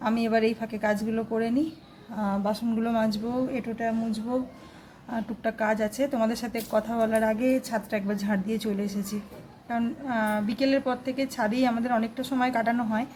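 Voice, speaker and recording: Housewife vlogger, woman, high voice, quiet casual chat in her kitchen, faint background hiss. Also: flat delivery, quick pace. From India. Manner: soft, hushed talk while child sleeps. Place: home kitchen.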